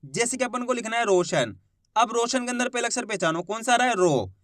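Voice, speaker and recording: A man teaching Hindi reading in a slow step-by-step lesson, patiently repeating each word and sounding out syllables. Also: very high voice, expressive, a bit bright, dry recording, studio quality.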